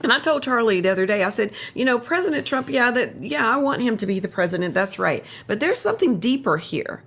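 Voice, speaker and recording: A woman's voice: fairly high pitch, big pitch swings, fairly quick, fairly bright tone. Older woman, earnest rambling ministry talk. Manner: earnest, rambling, with self-corrections and testimony-like conviction. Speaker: ministry co-host. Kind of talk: casual faith and politics talk.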